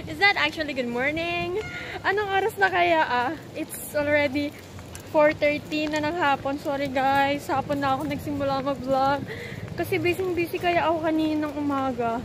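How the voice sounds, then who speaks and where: Filipina woman from the philippines vlogging on her phone, high voice, chatty and laughy, loud street noise behind. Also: steady tone, moderate pace. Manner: chatty, switching between Tagalog and English, laughs often. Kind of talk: casual vlog chat. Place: outdoors at a fairground and market.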